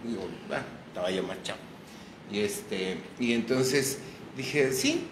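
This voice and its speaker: An actor at a press conference telling a lively, animated anecdote. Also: male voice, lowish voice, a little slow. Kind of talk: storytelling anecdote. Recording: echoey room with background noise.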